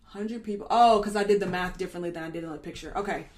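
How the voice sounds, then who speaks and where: A woman's voice: on the low side, quick pace. A woman coaching a marketing training class in a chatty, upbeat way, checking in often with "okay?" and correcting herself as she goes. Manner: thinks out loud, corrects herself mid-stream. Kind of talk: live training lesson.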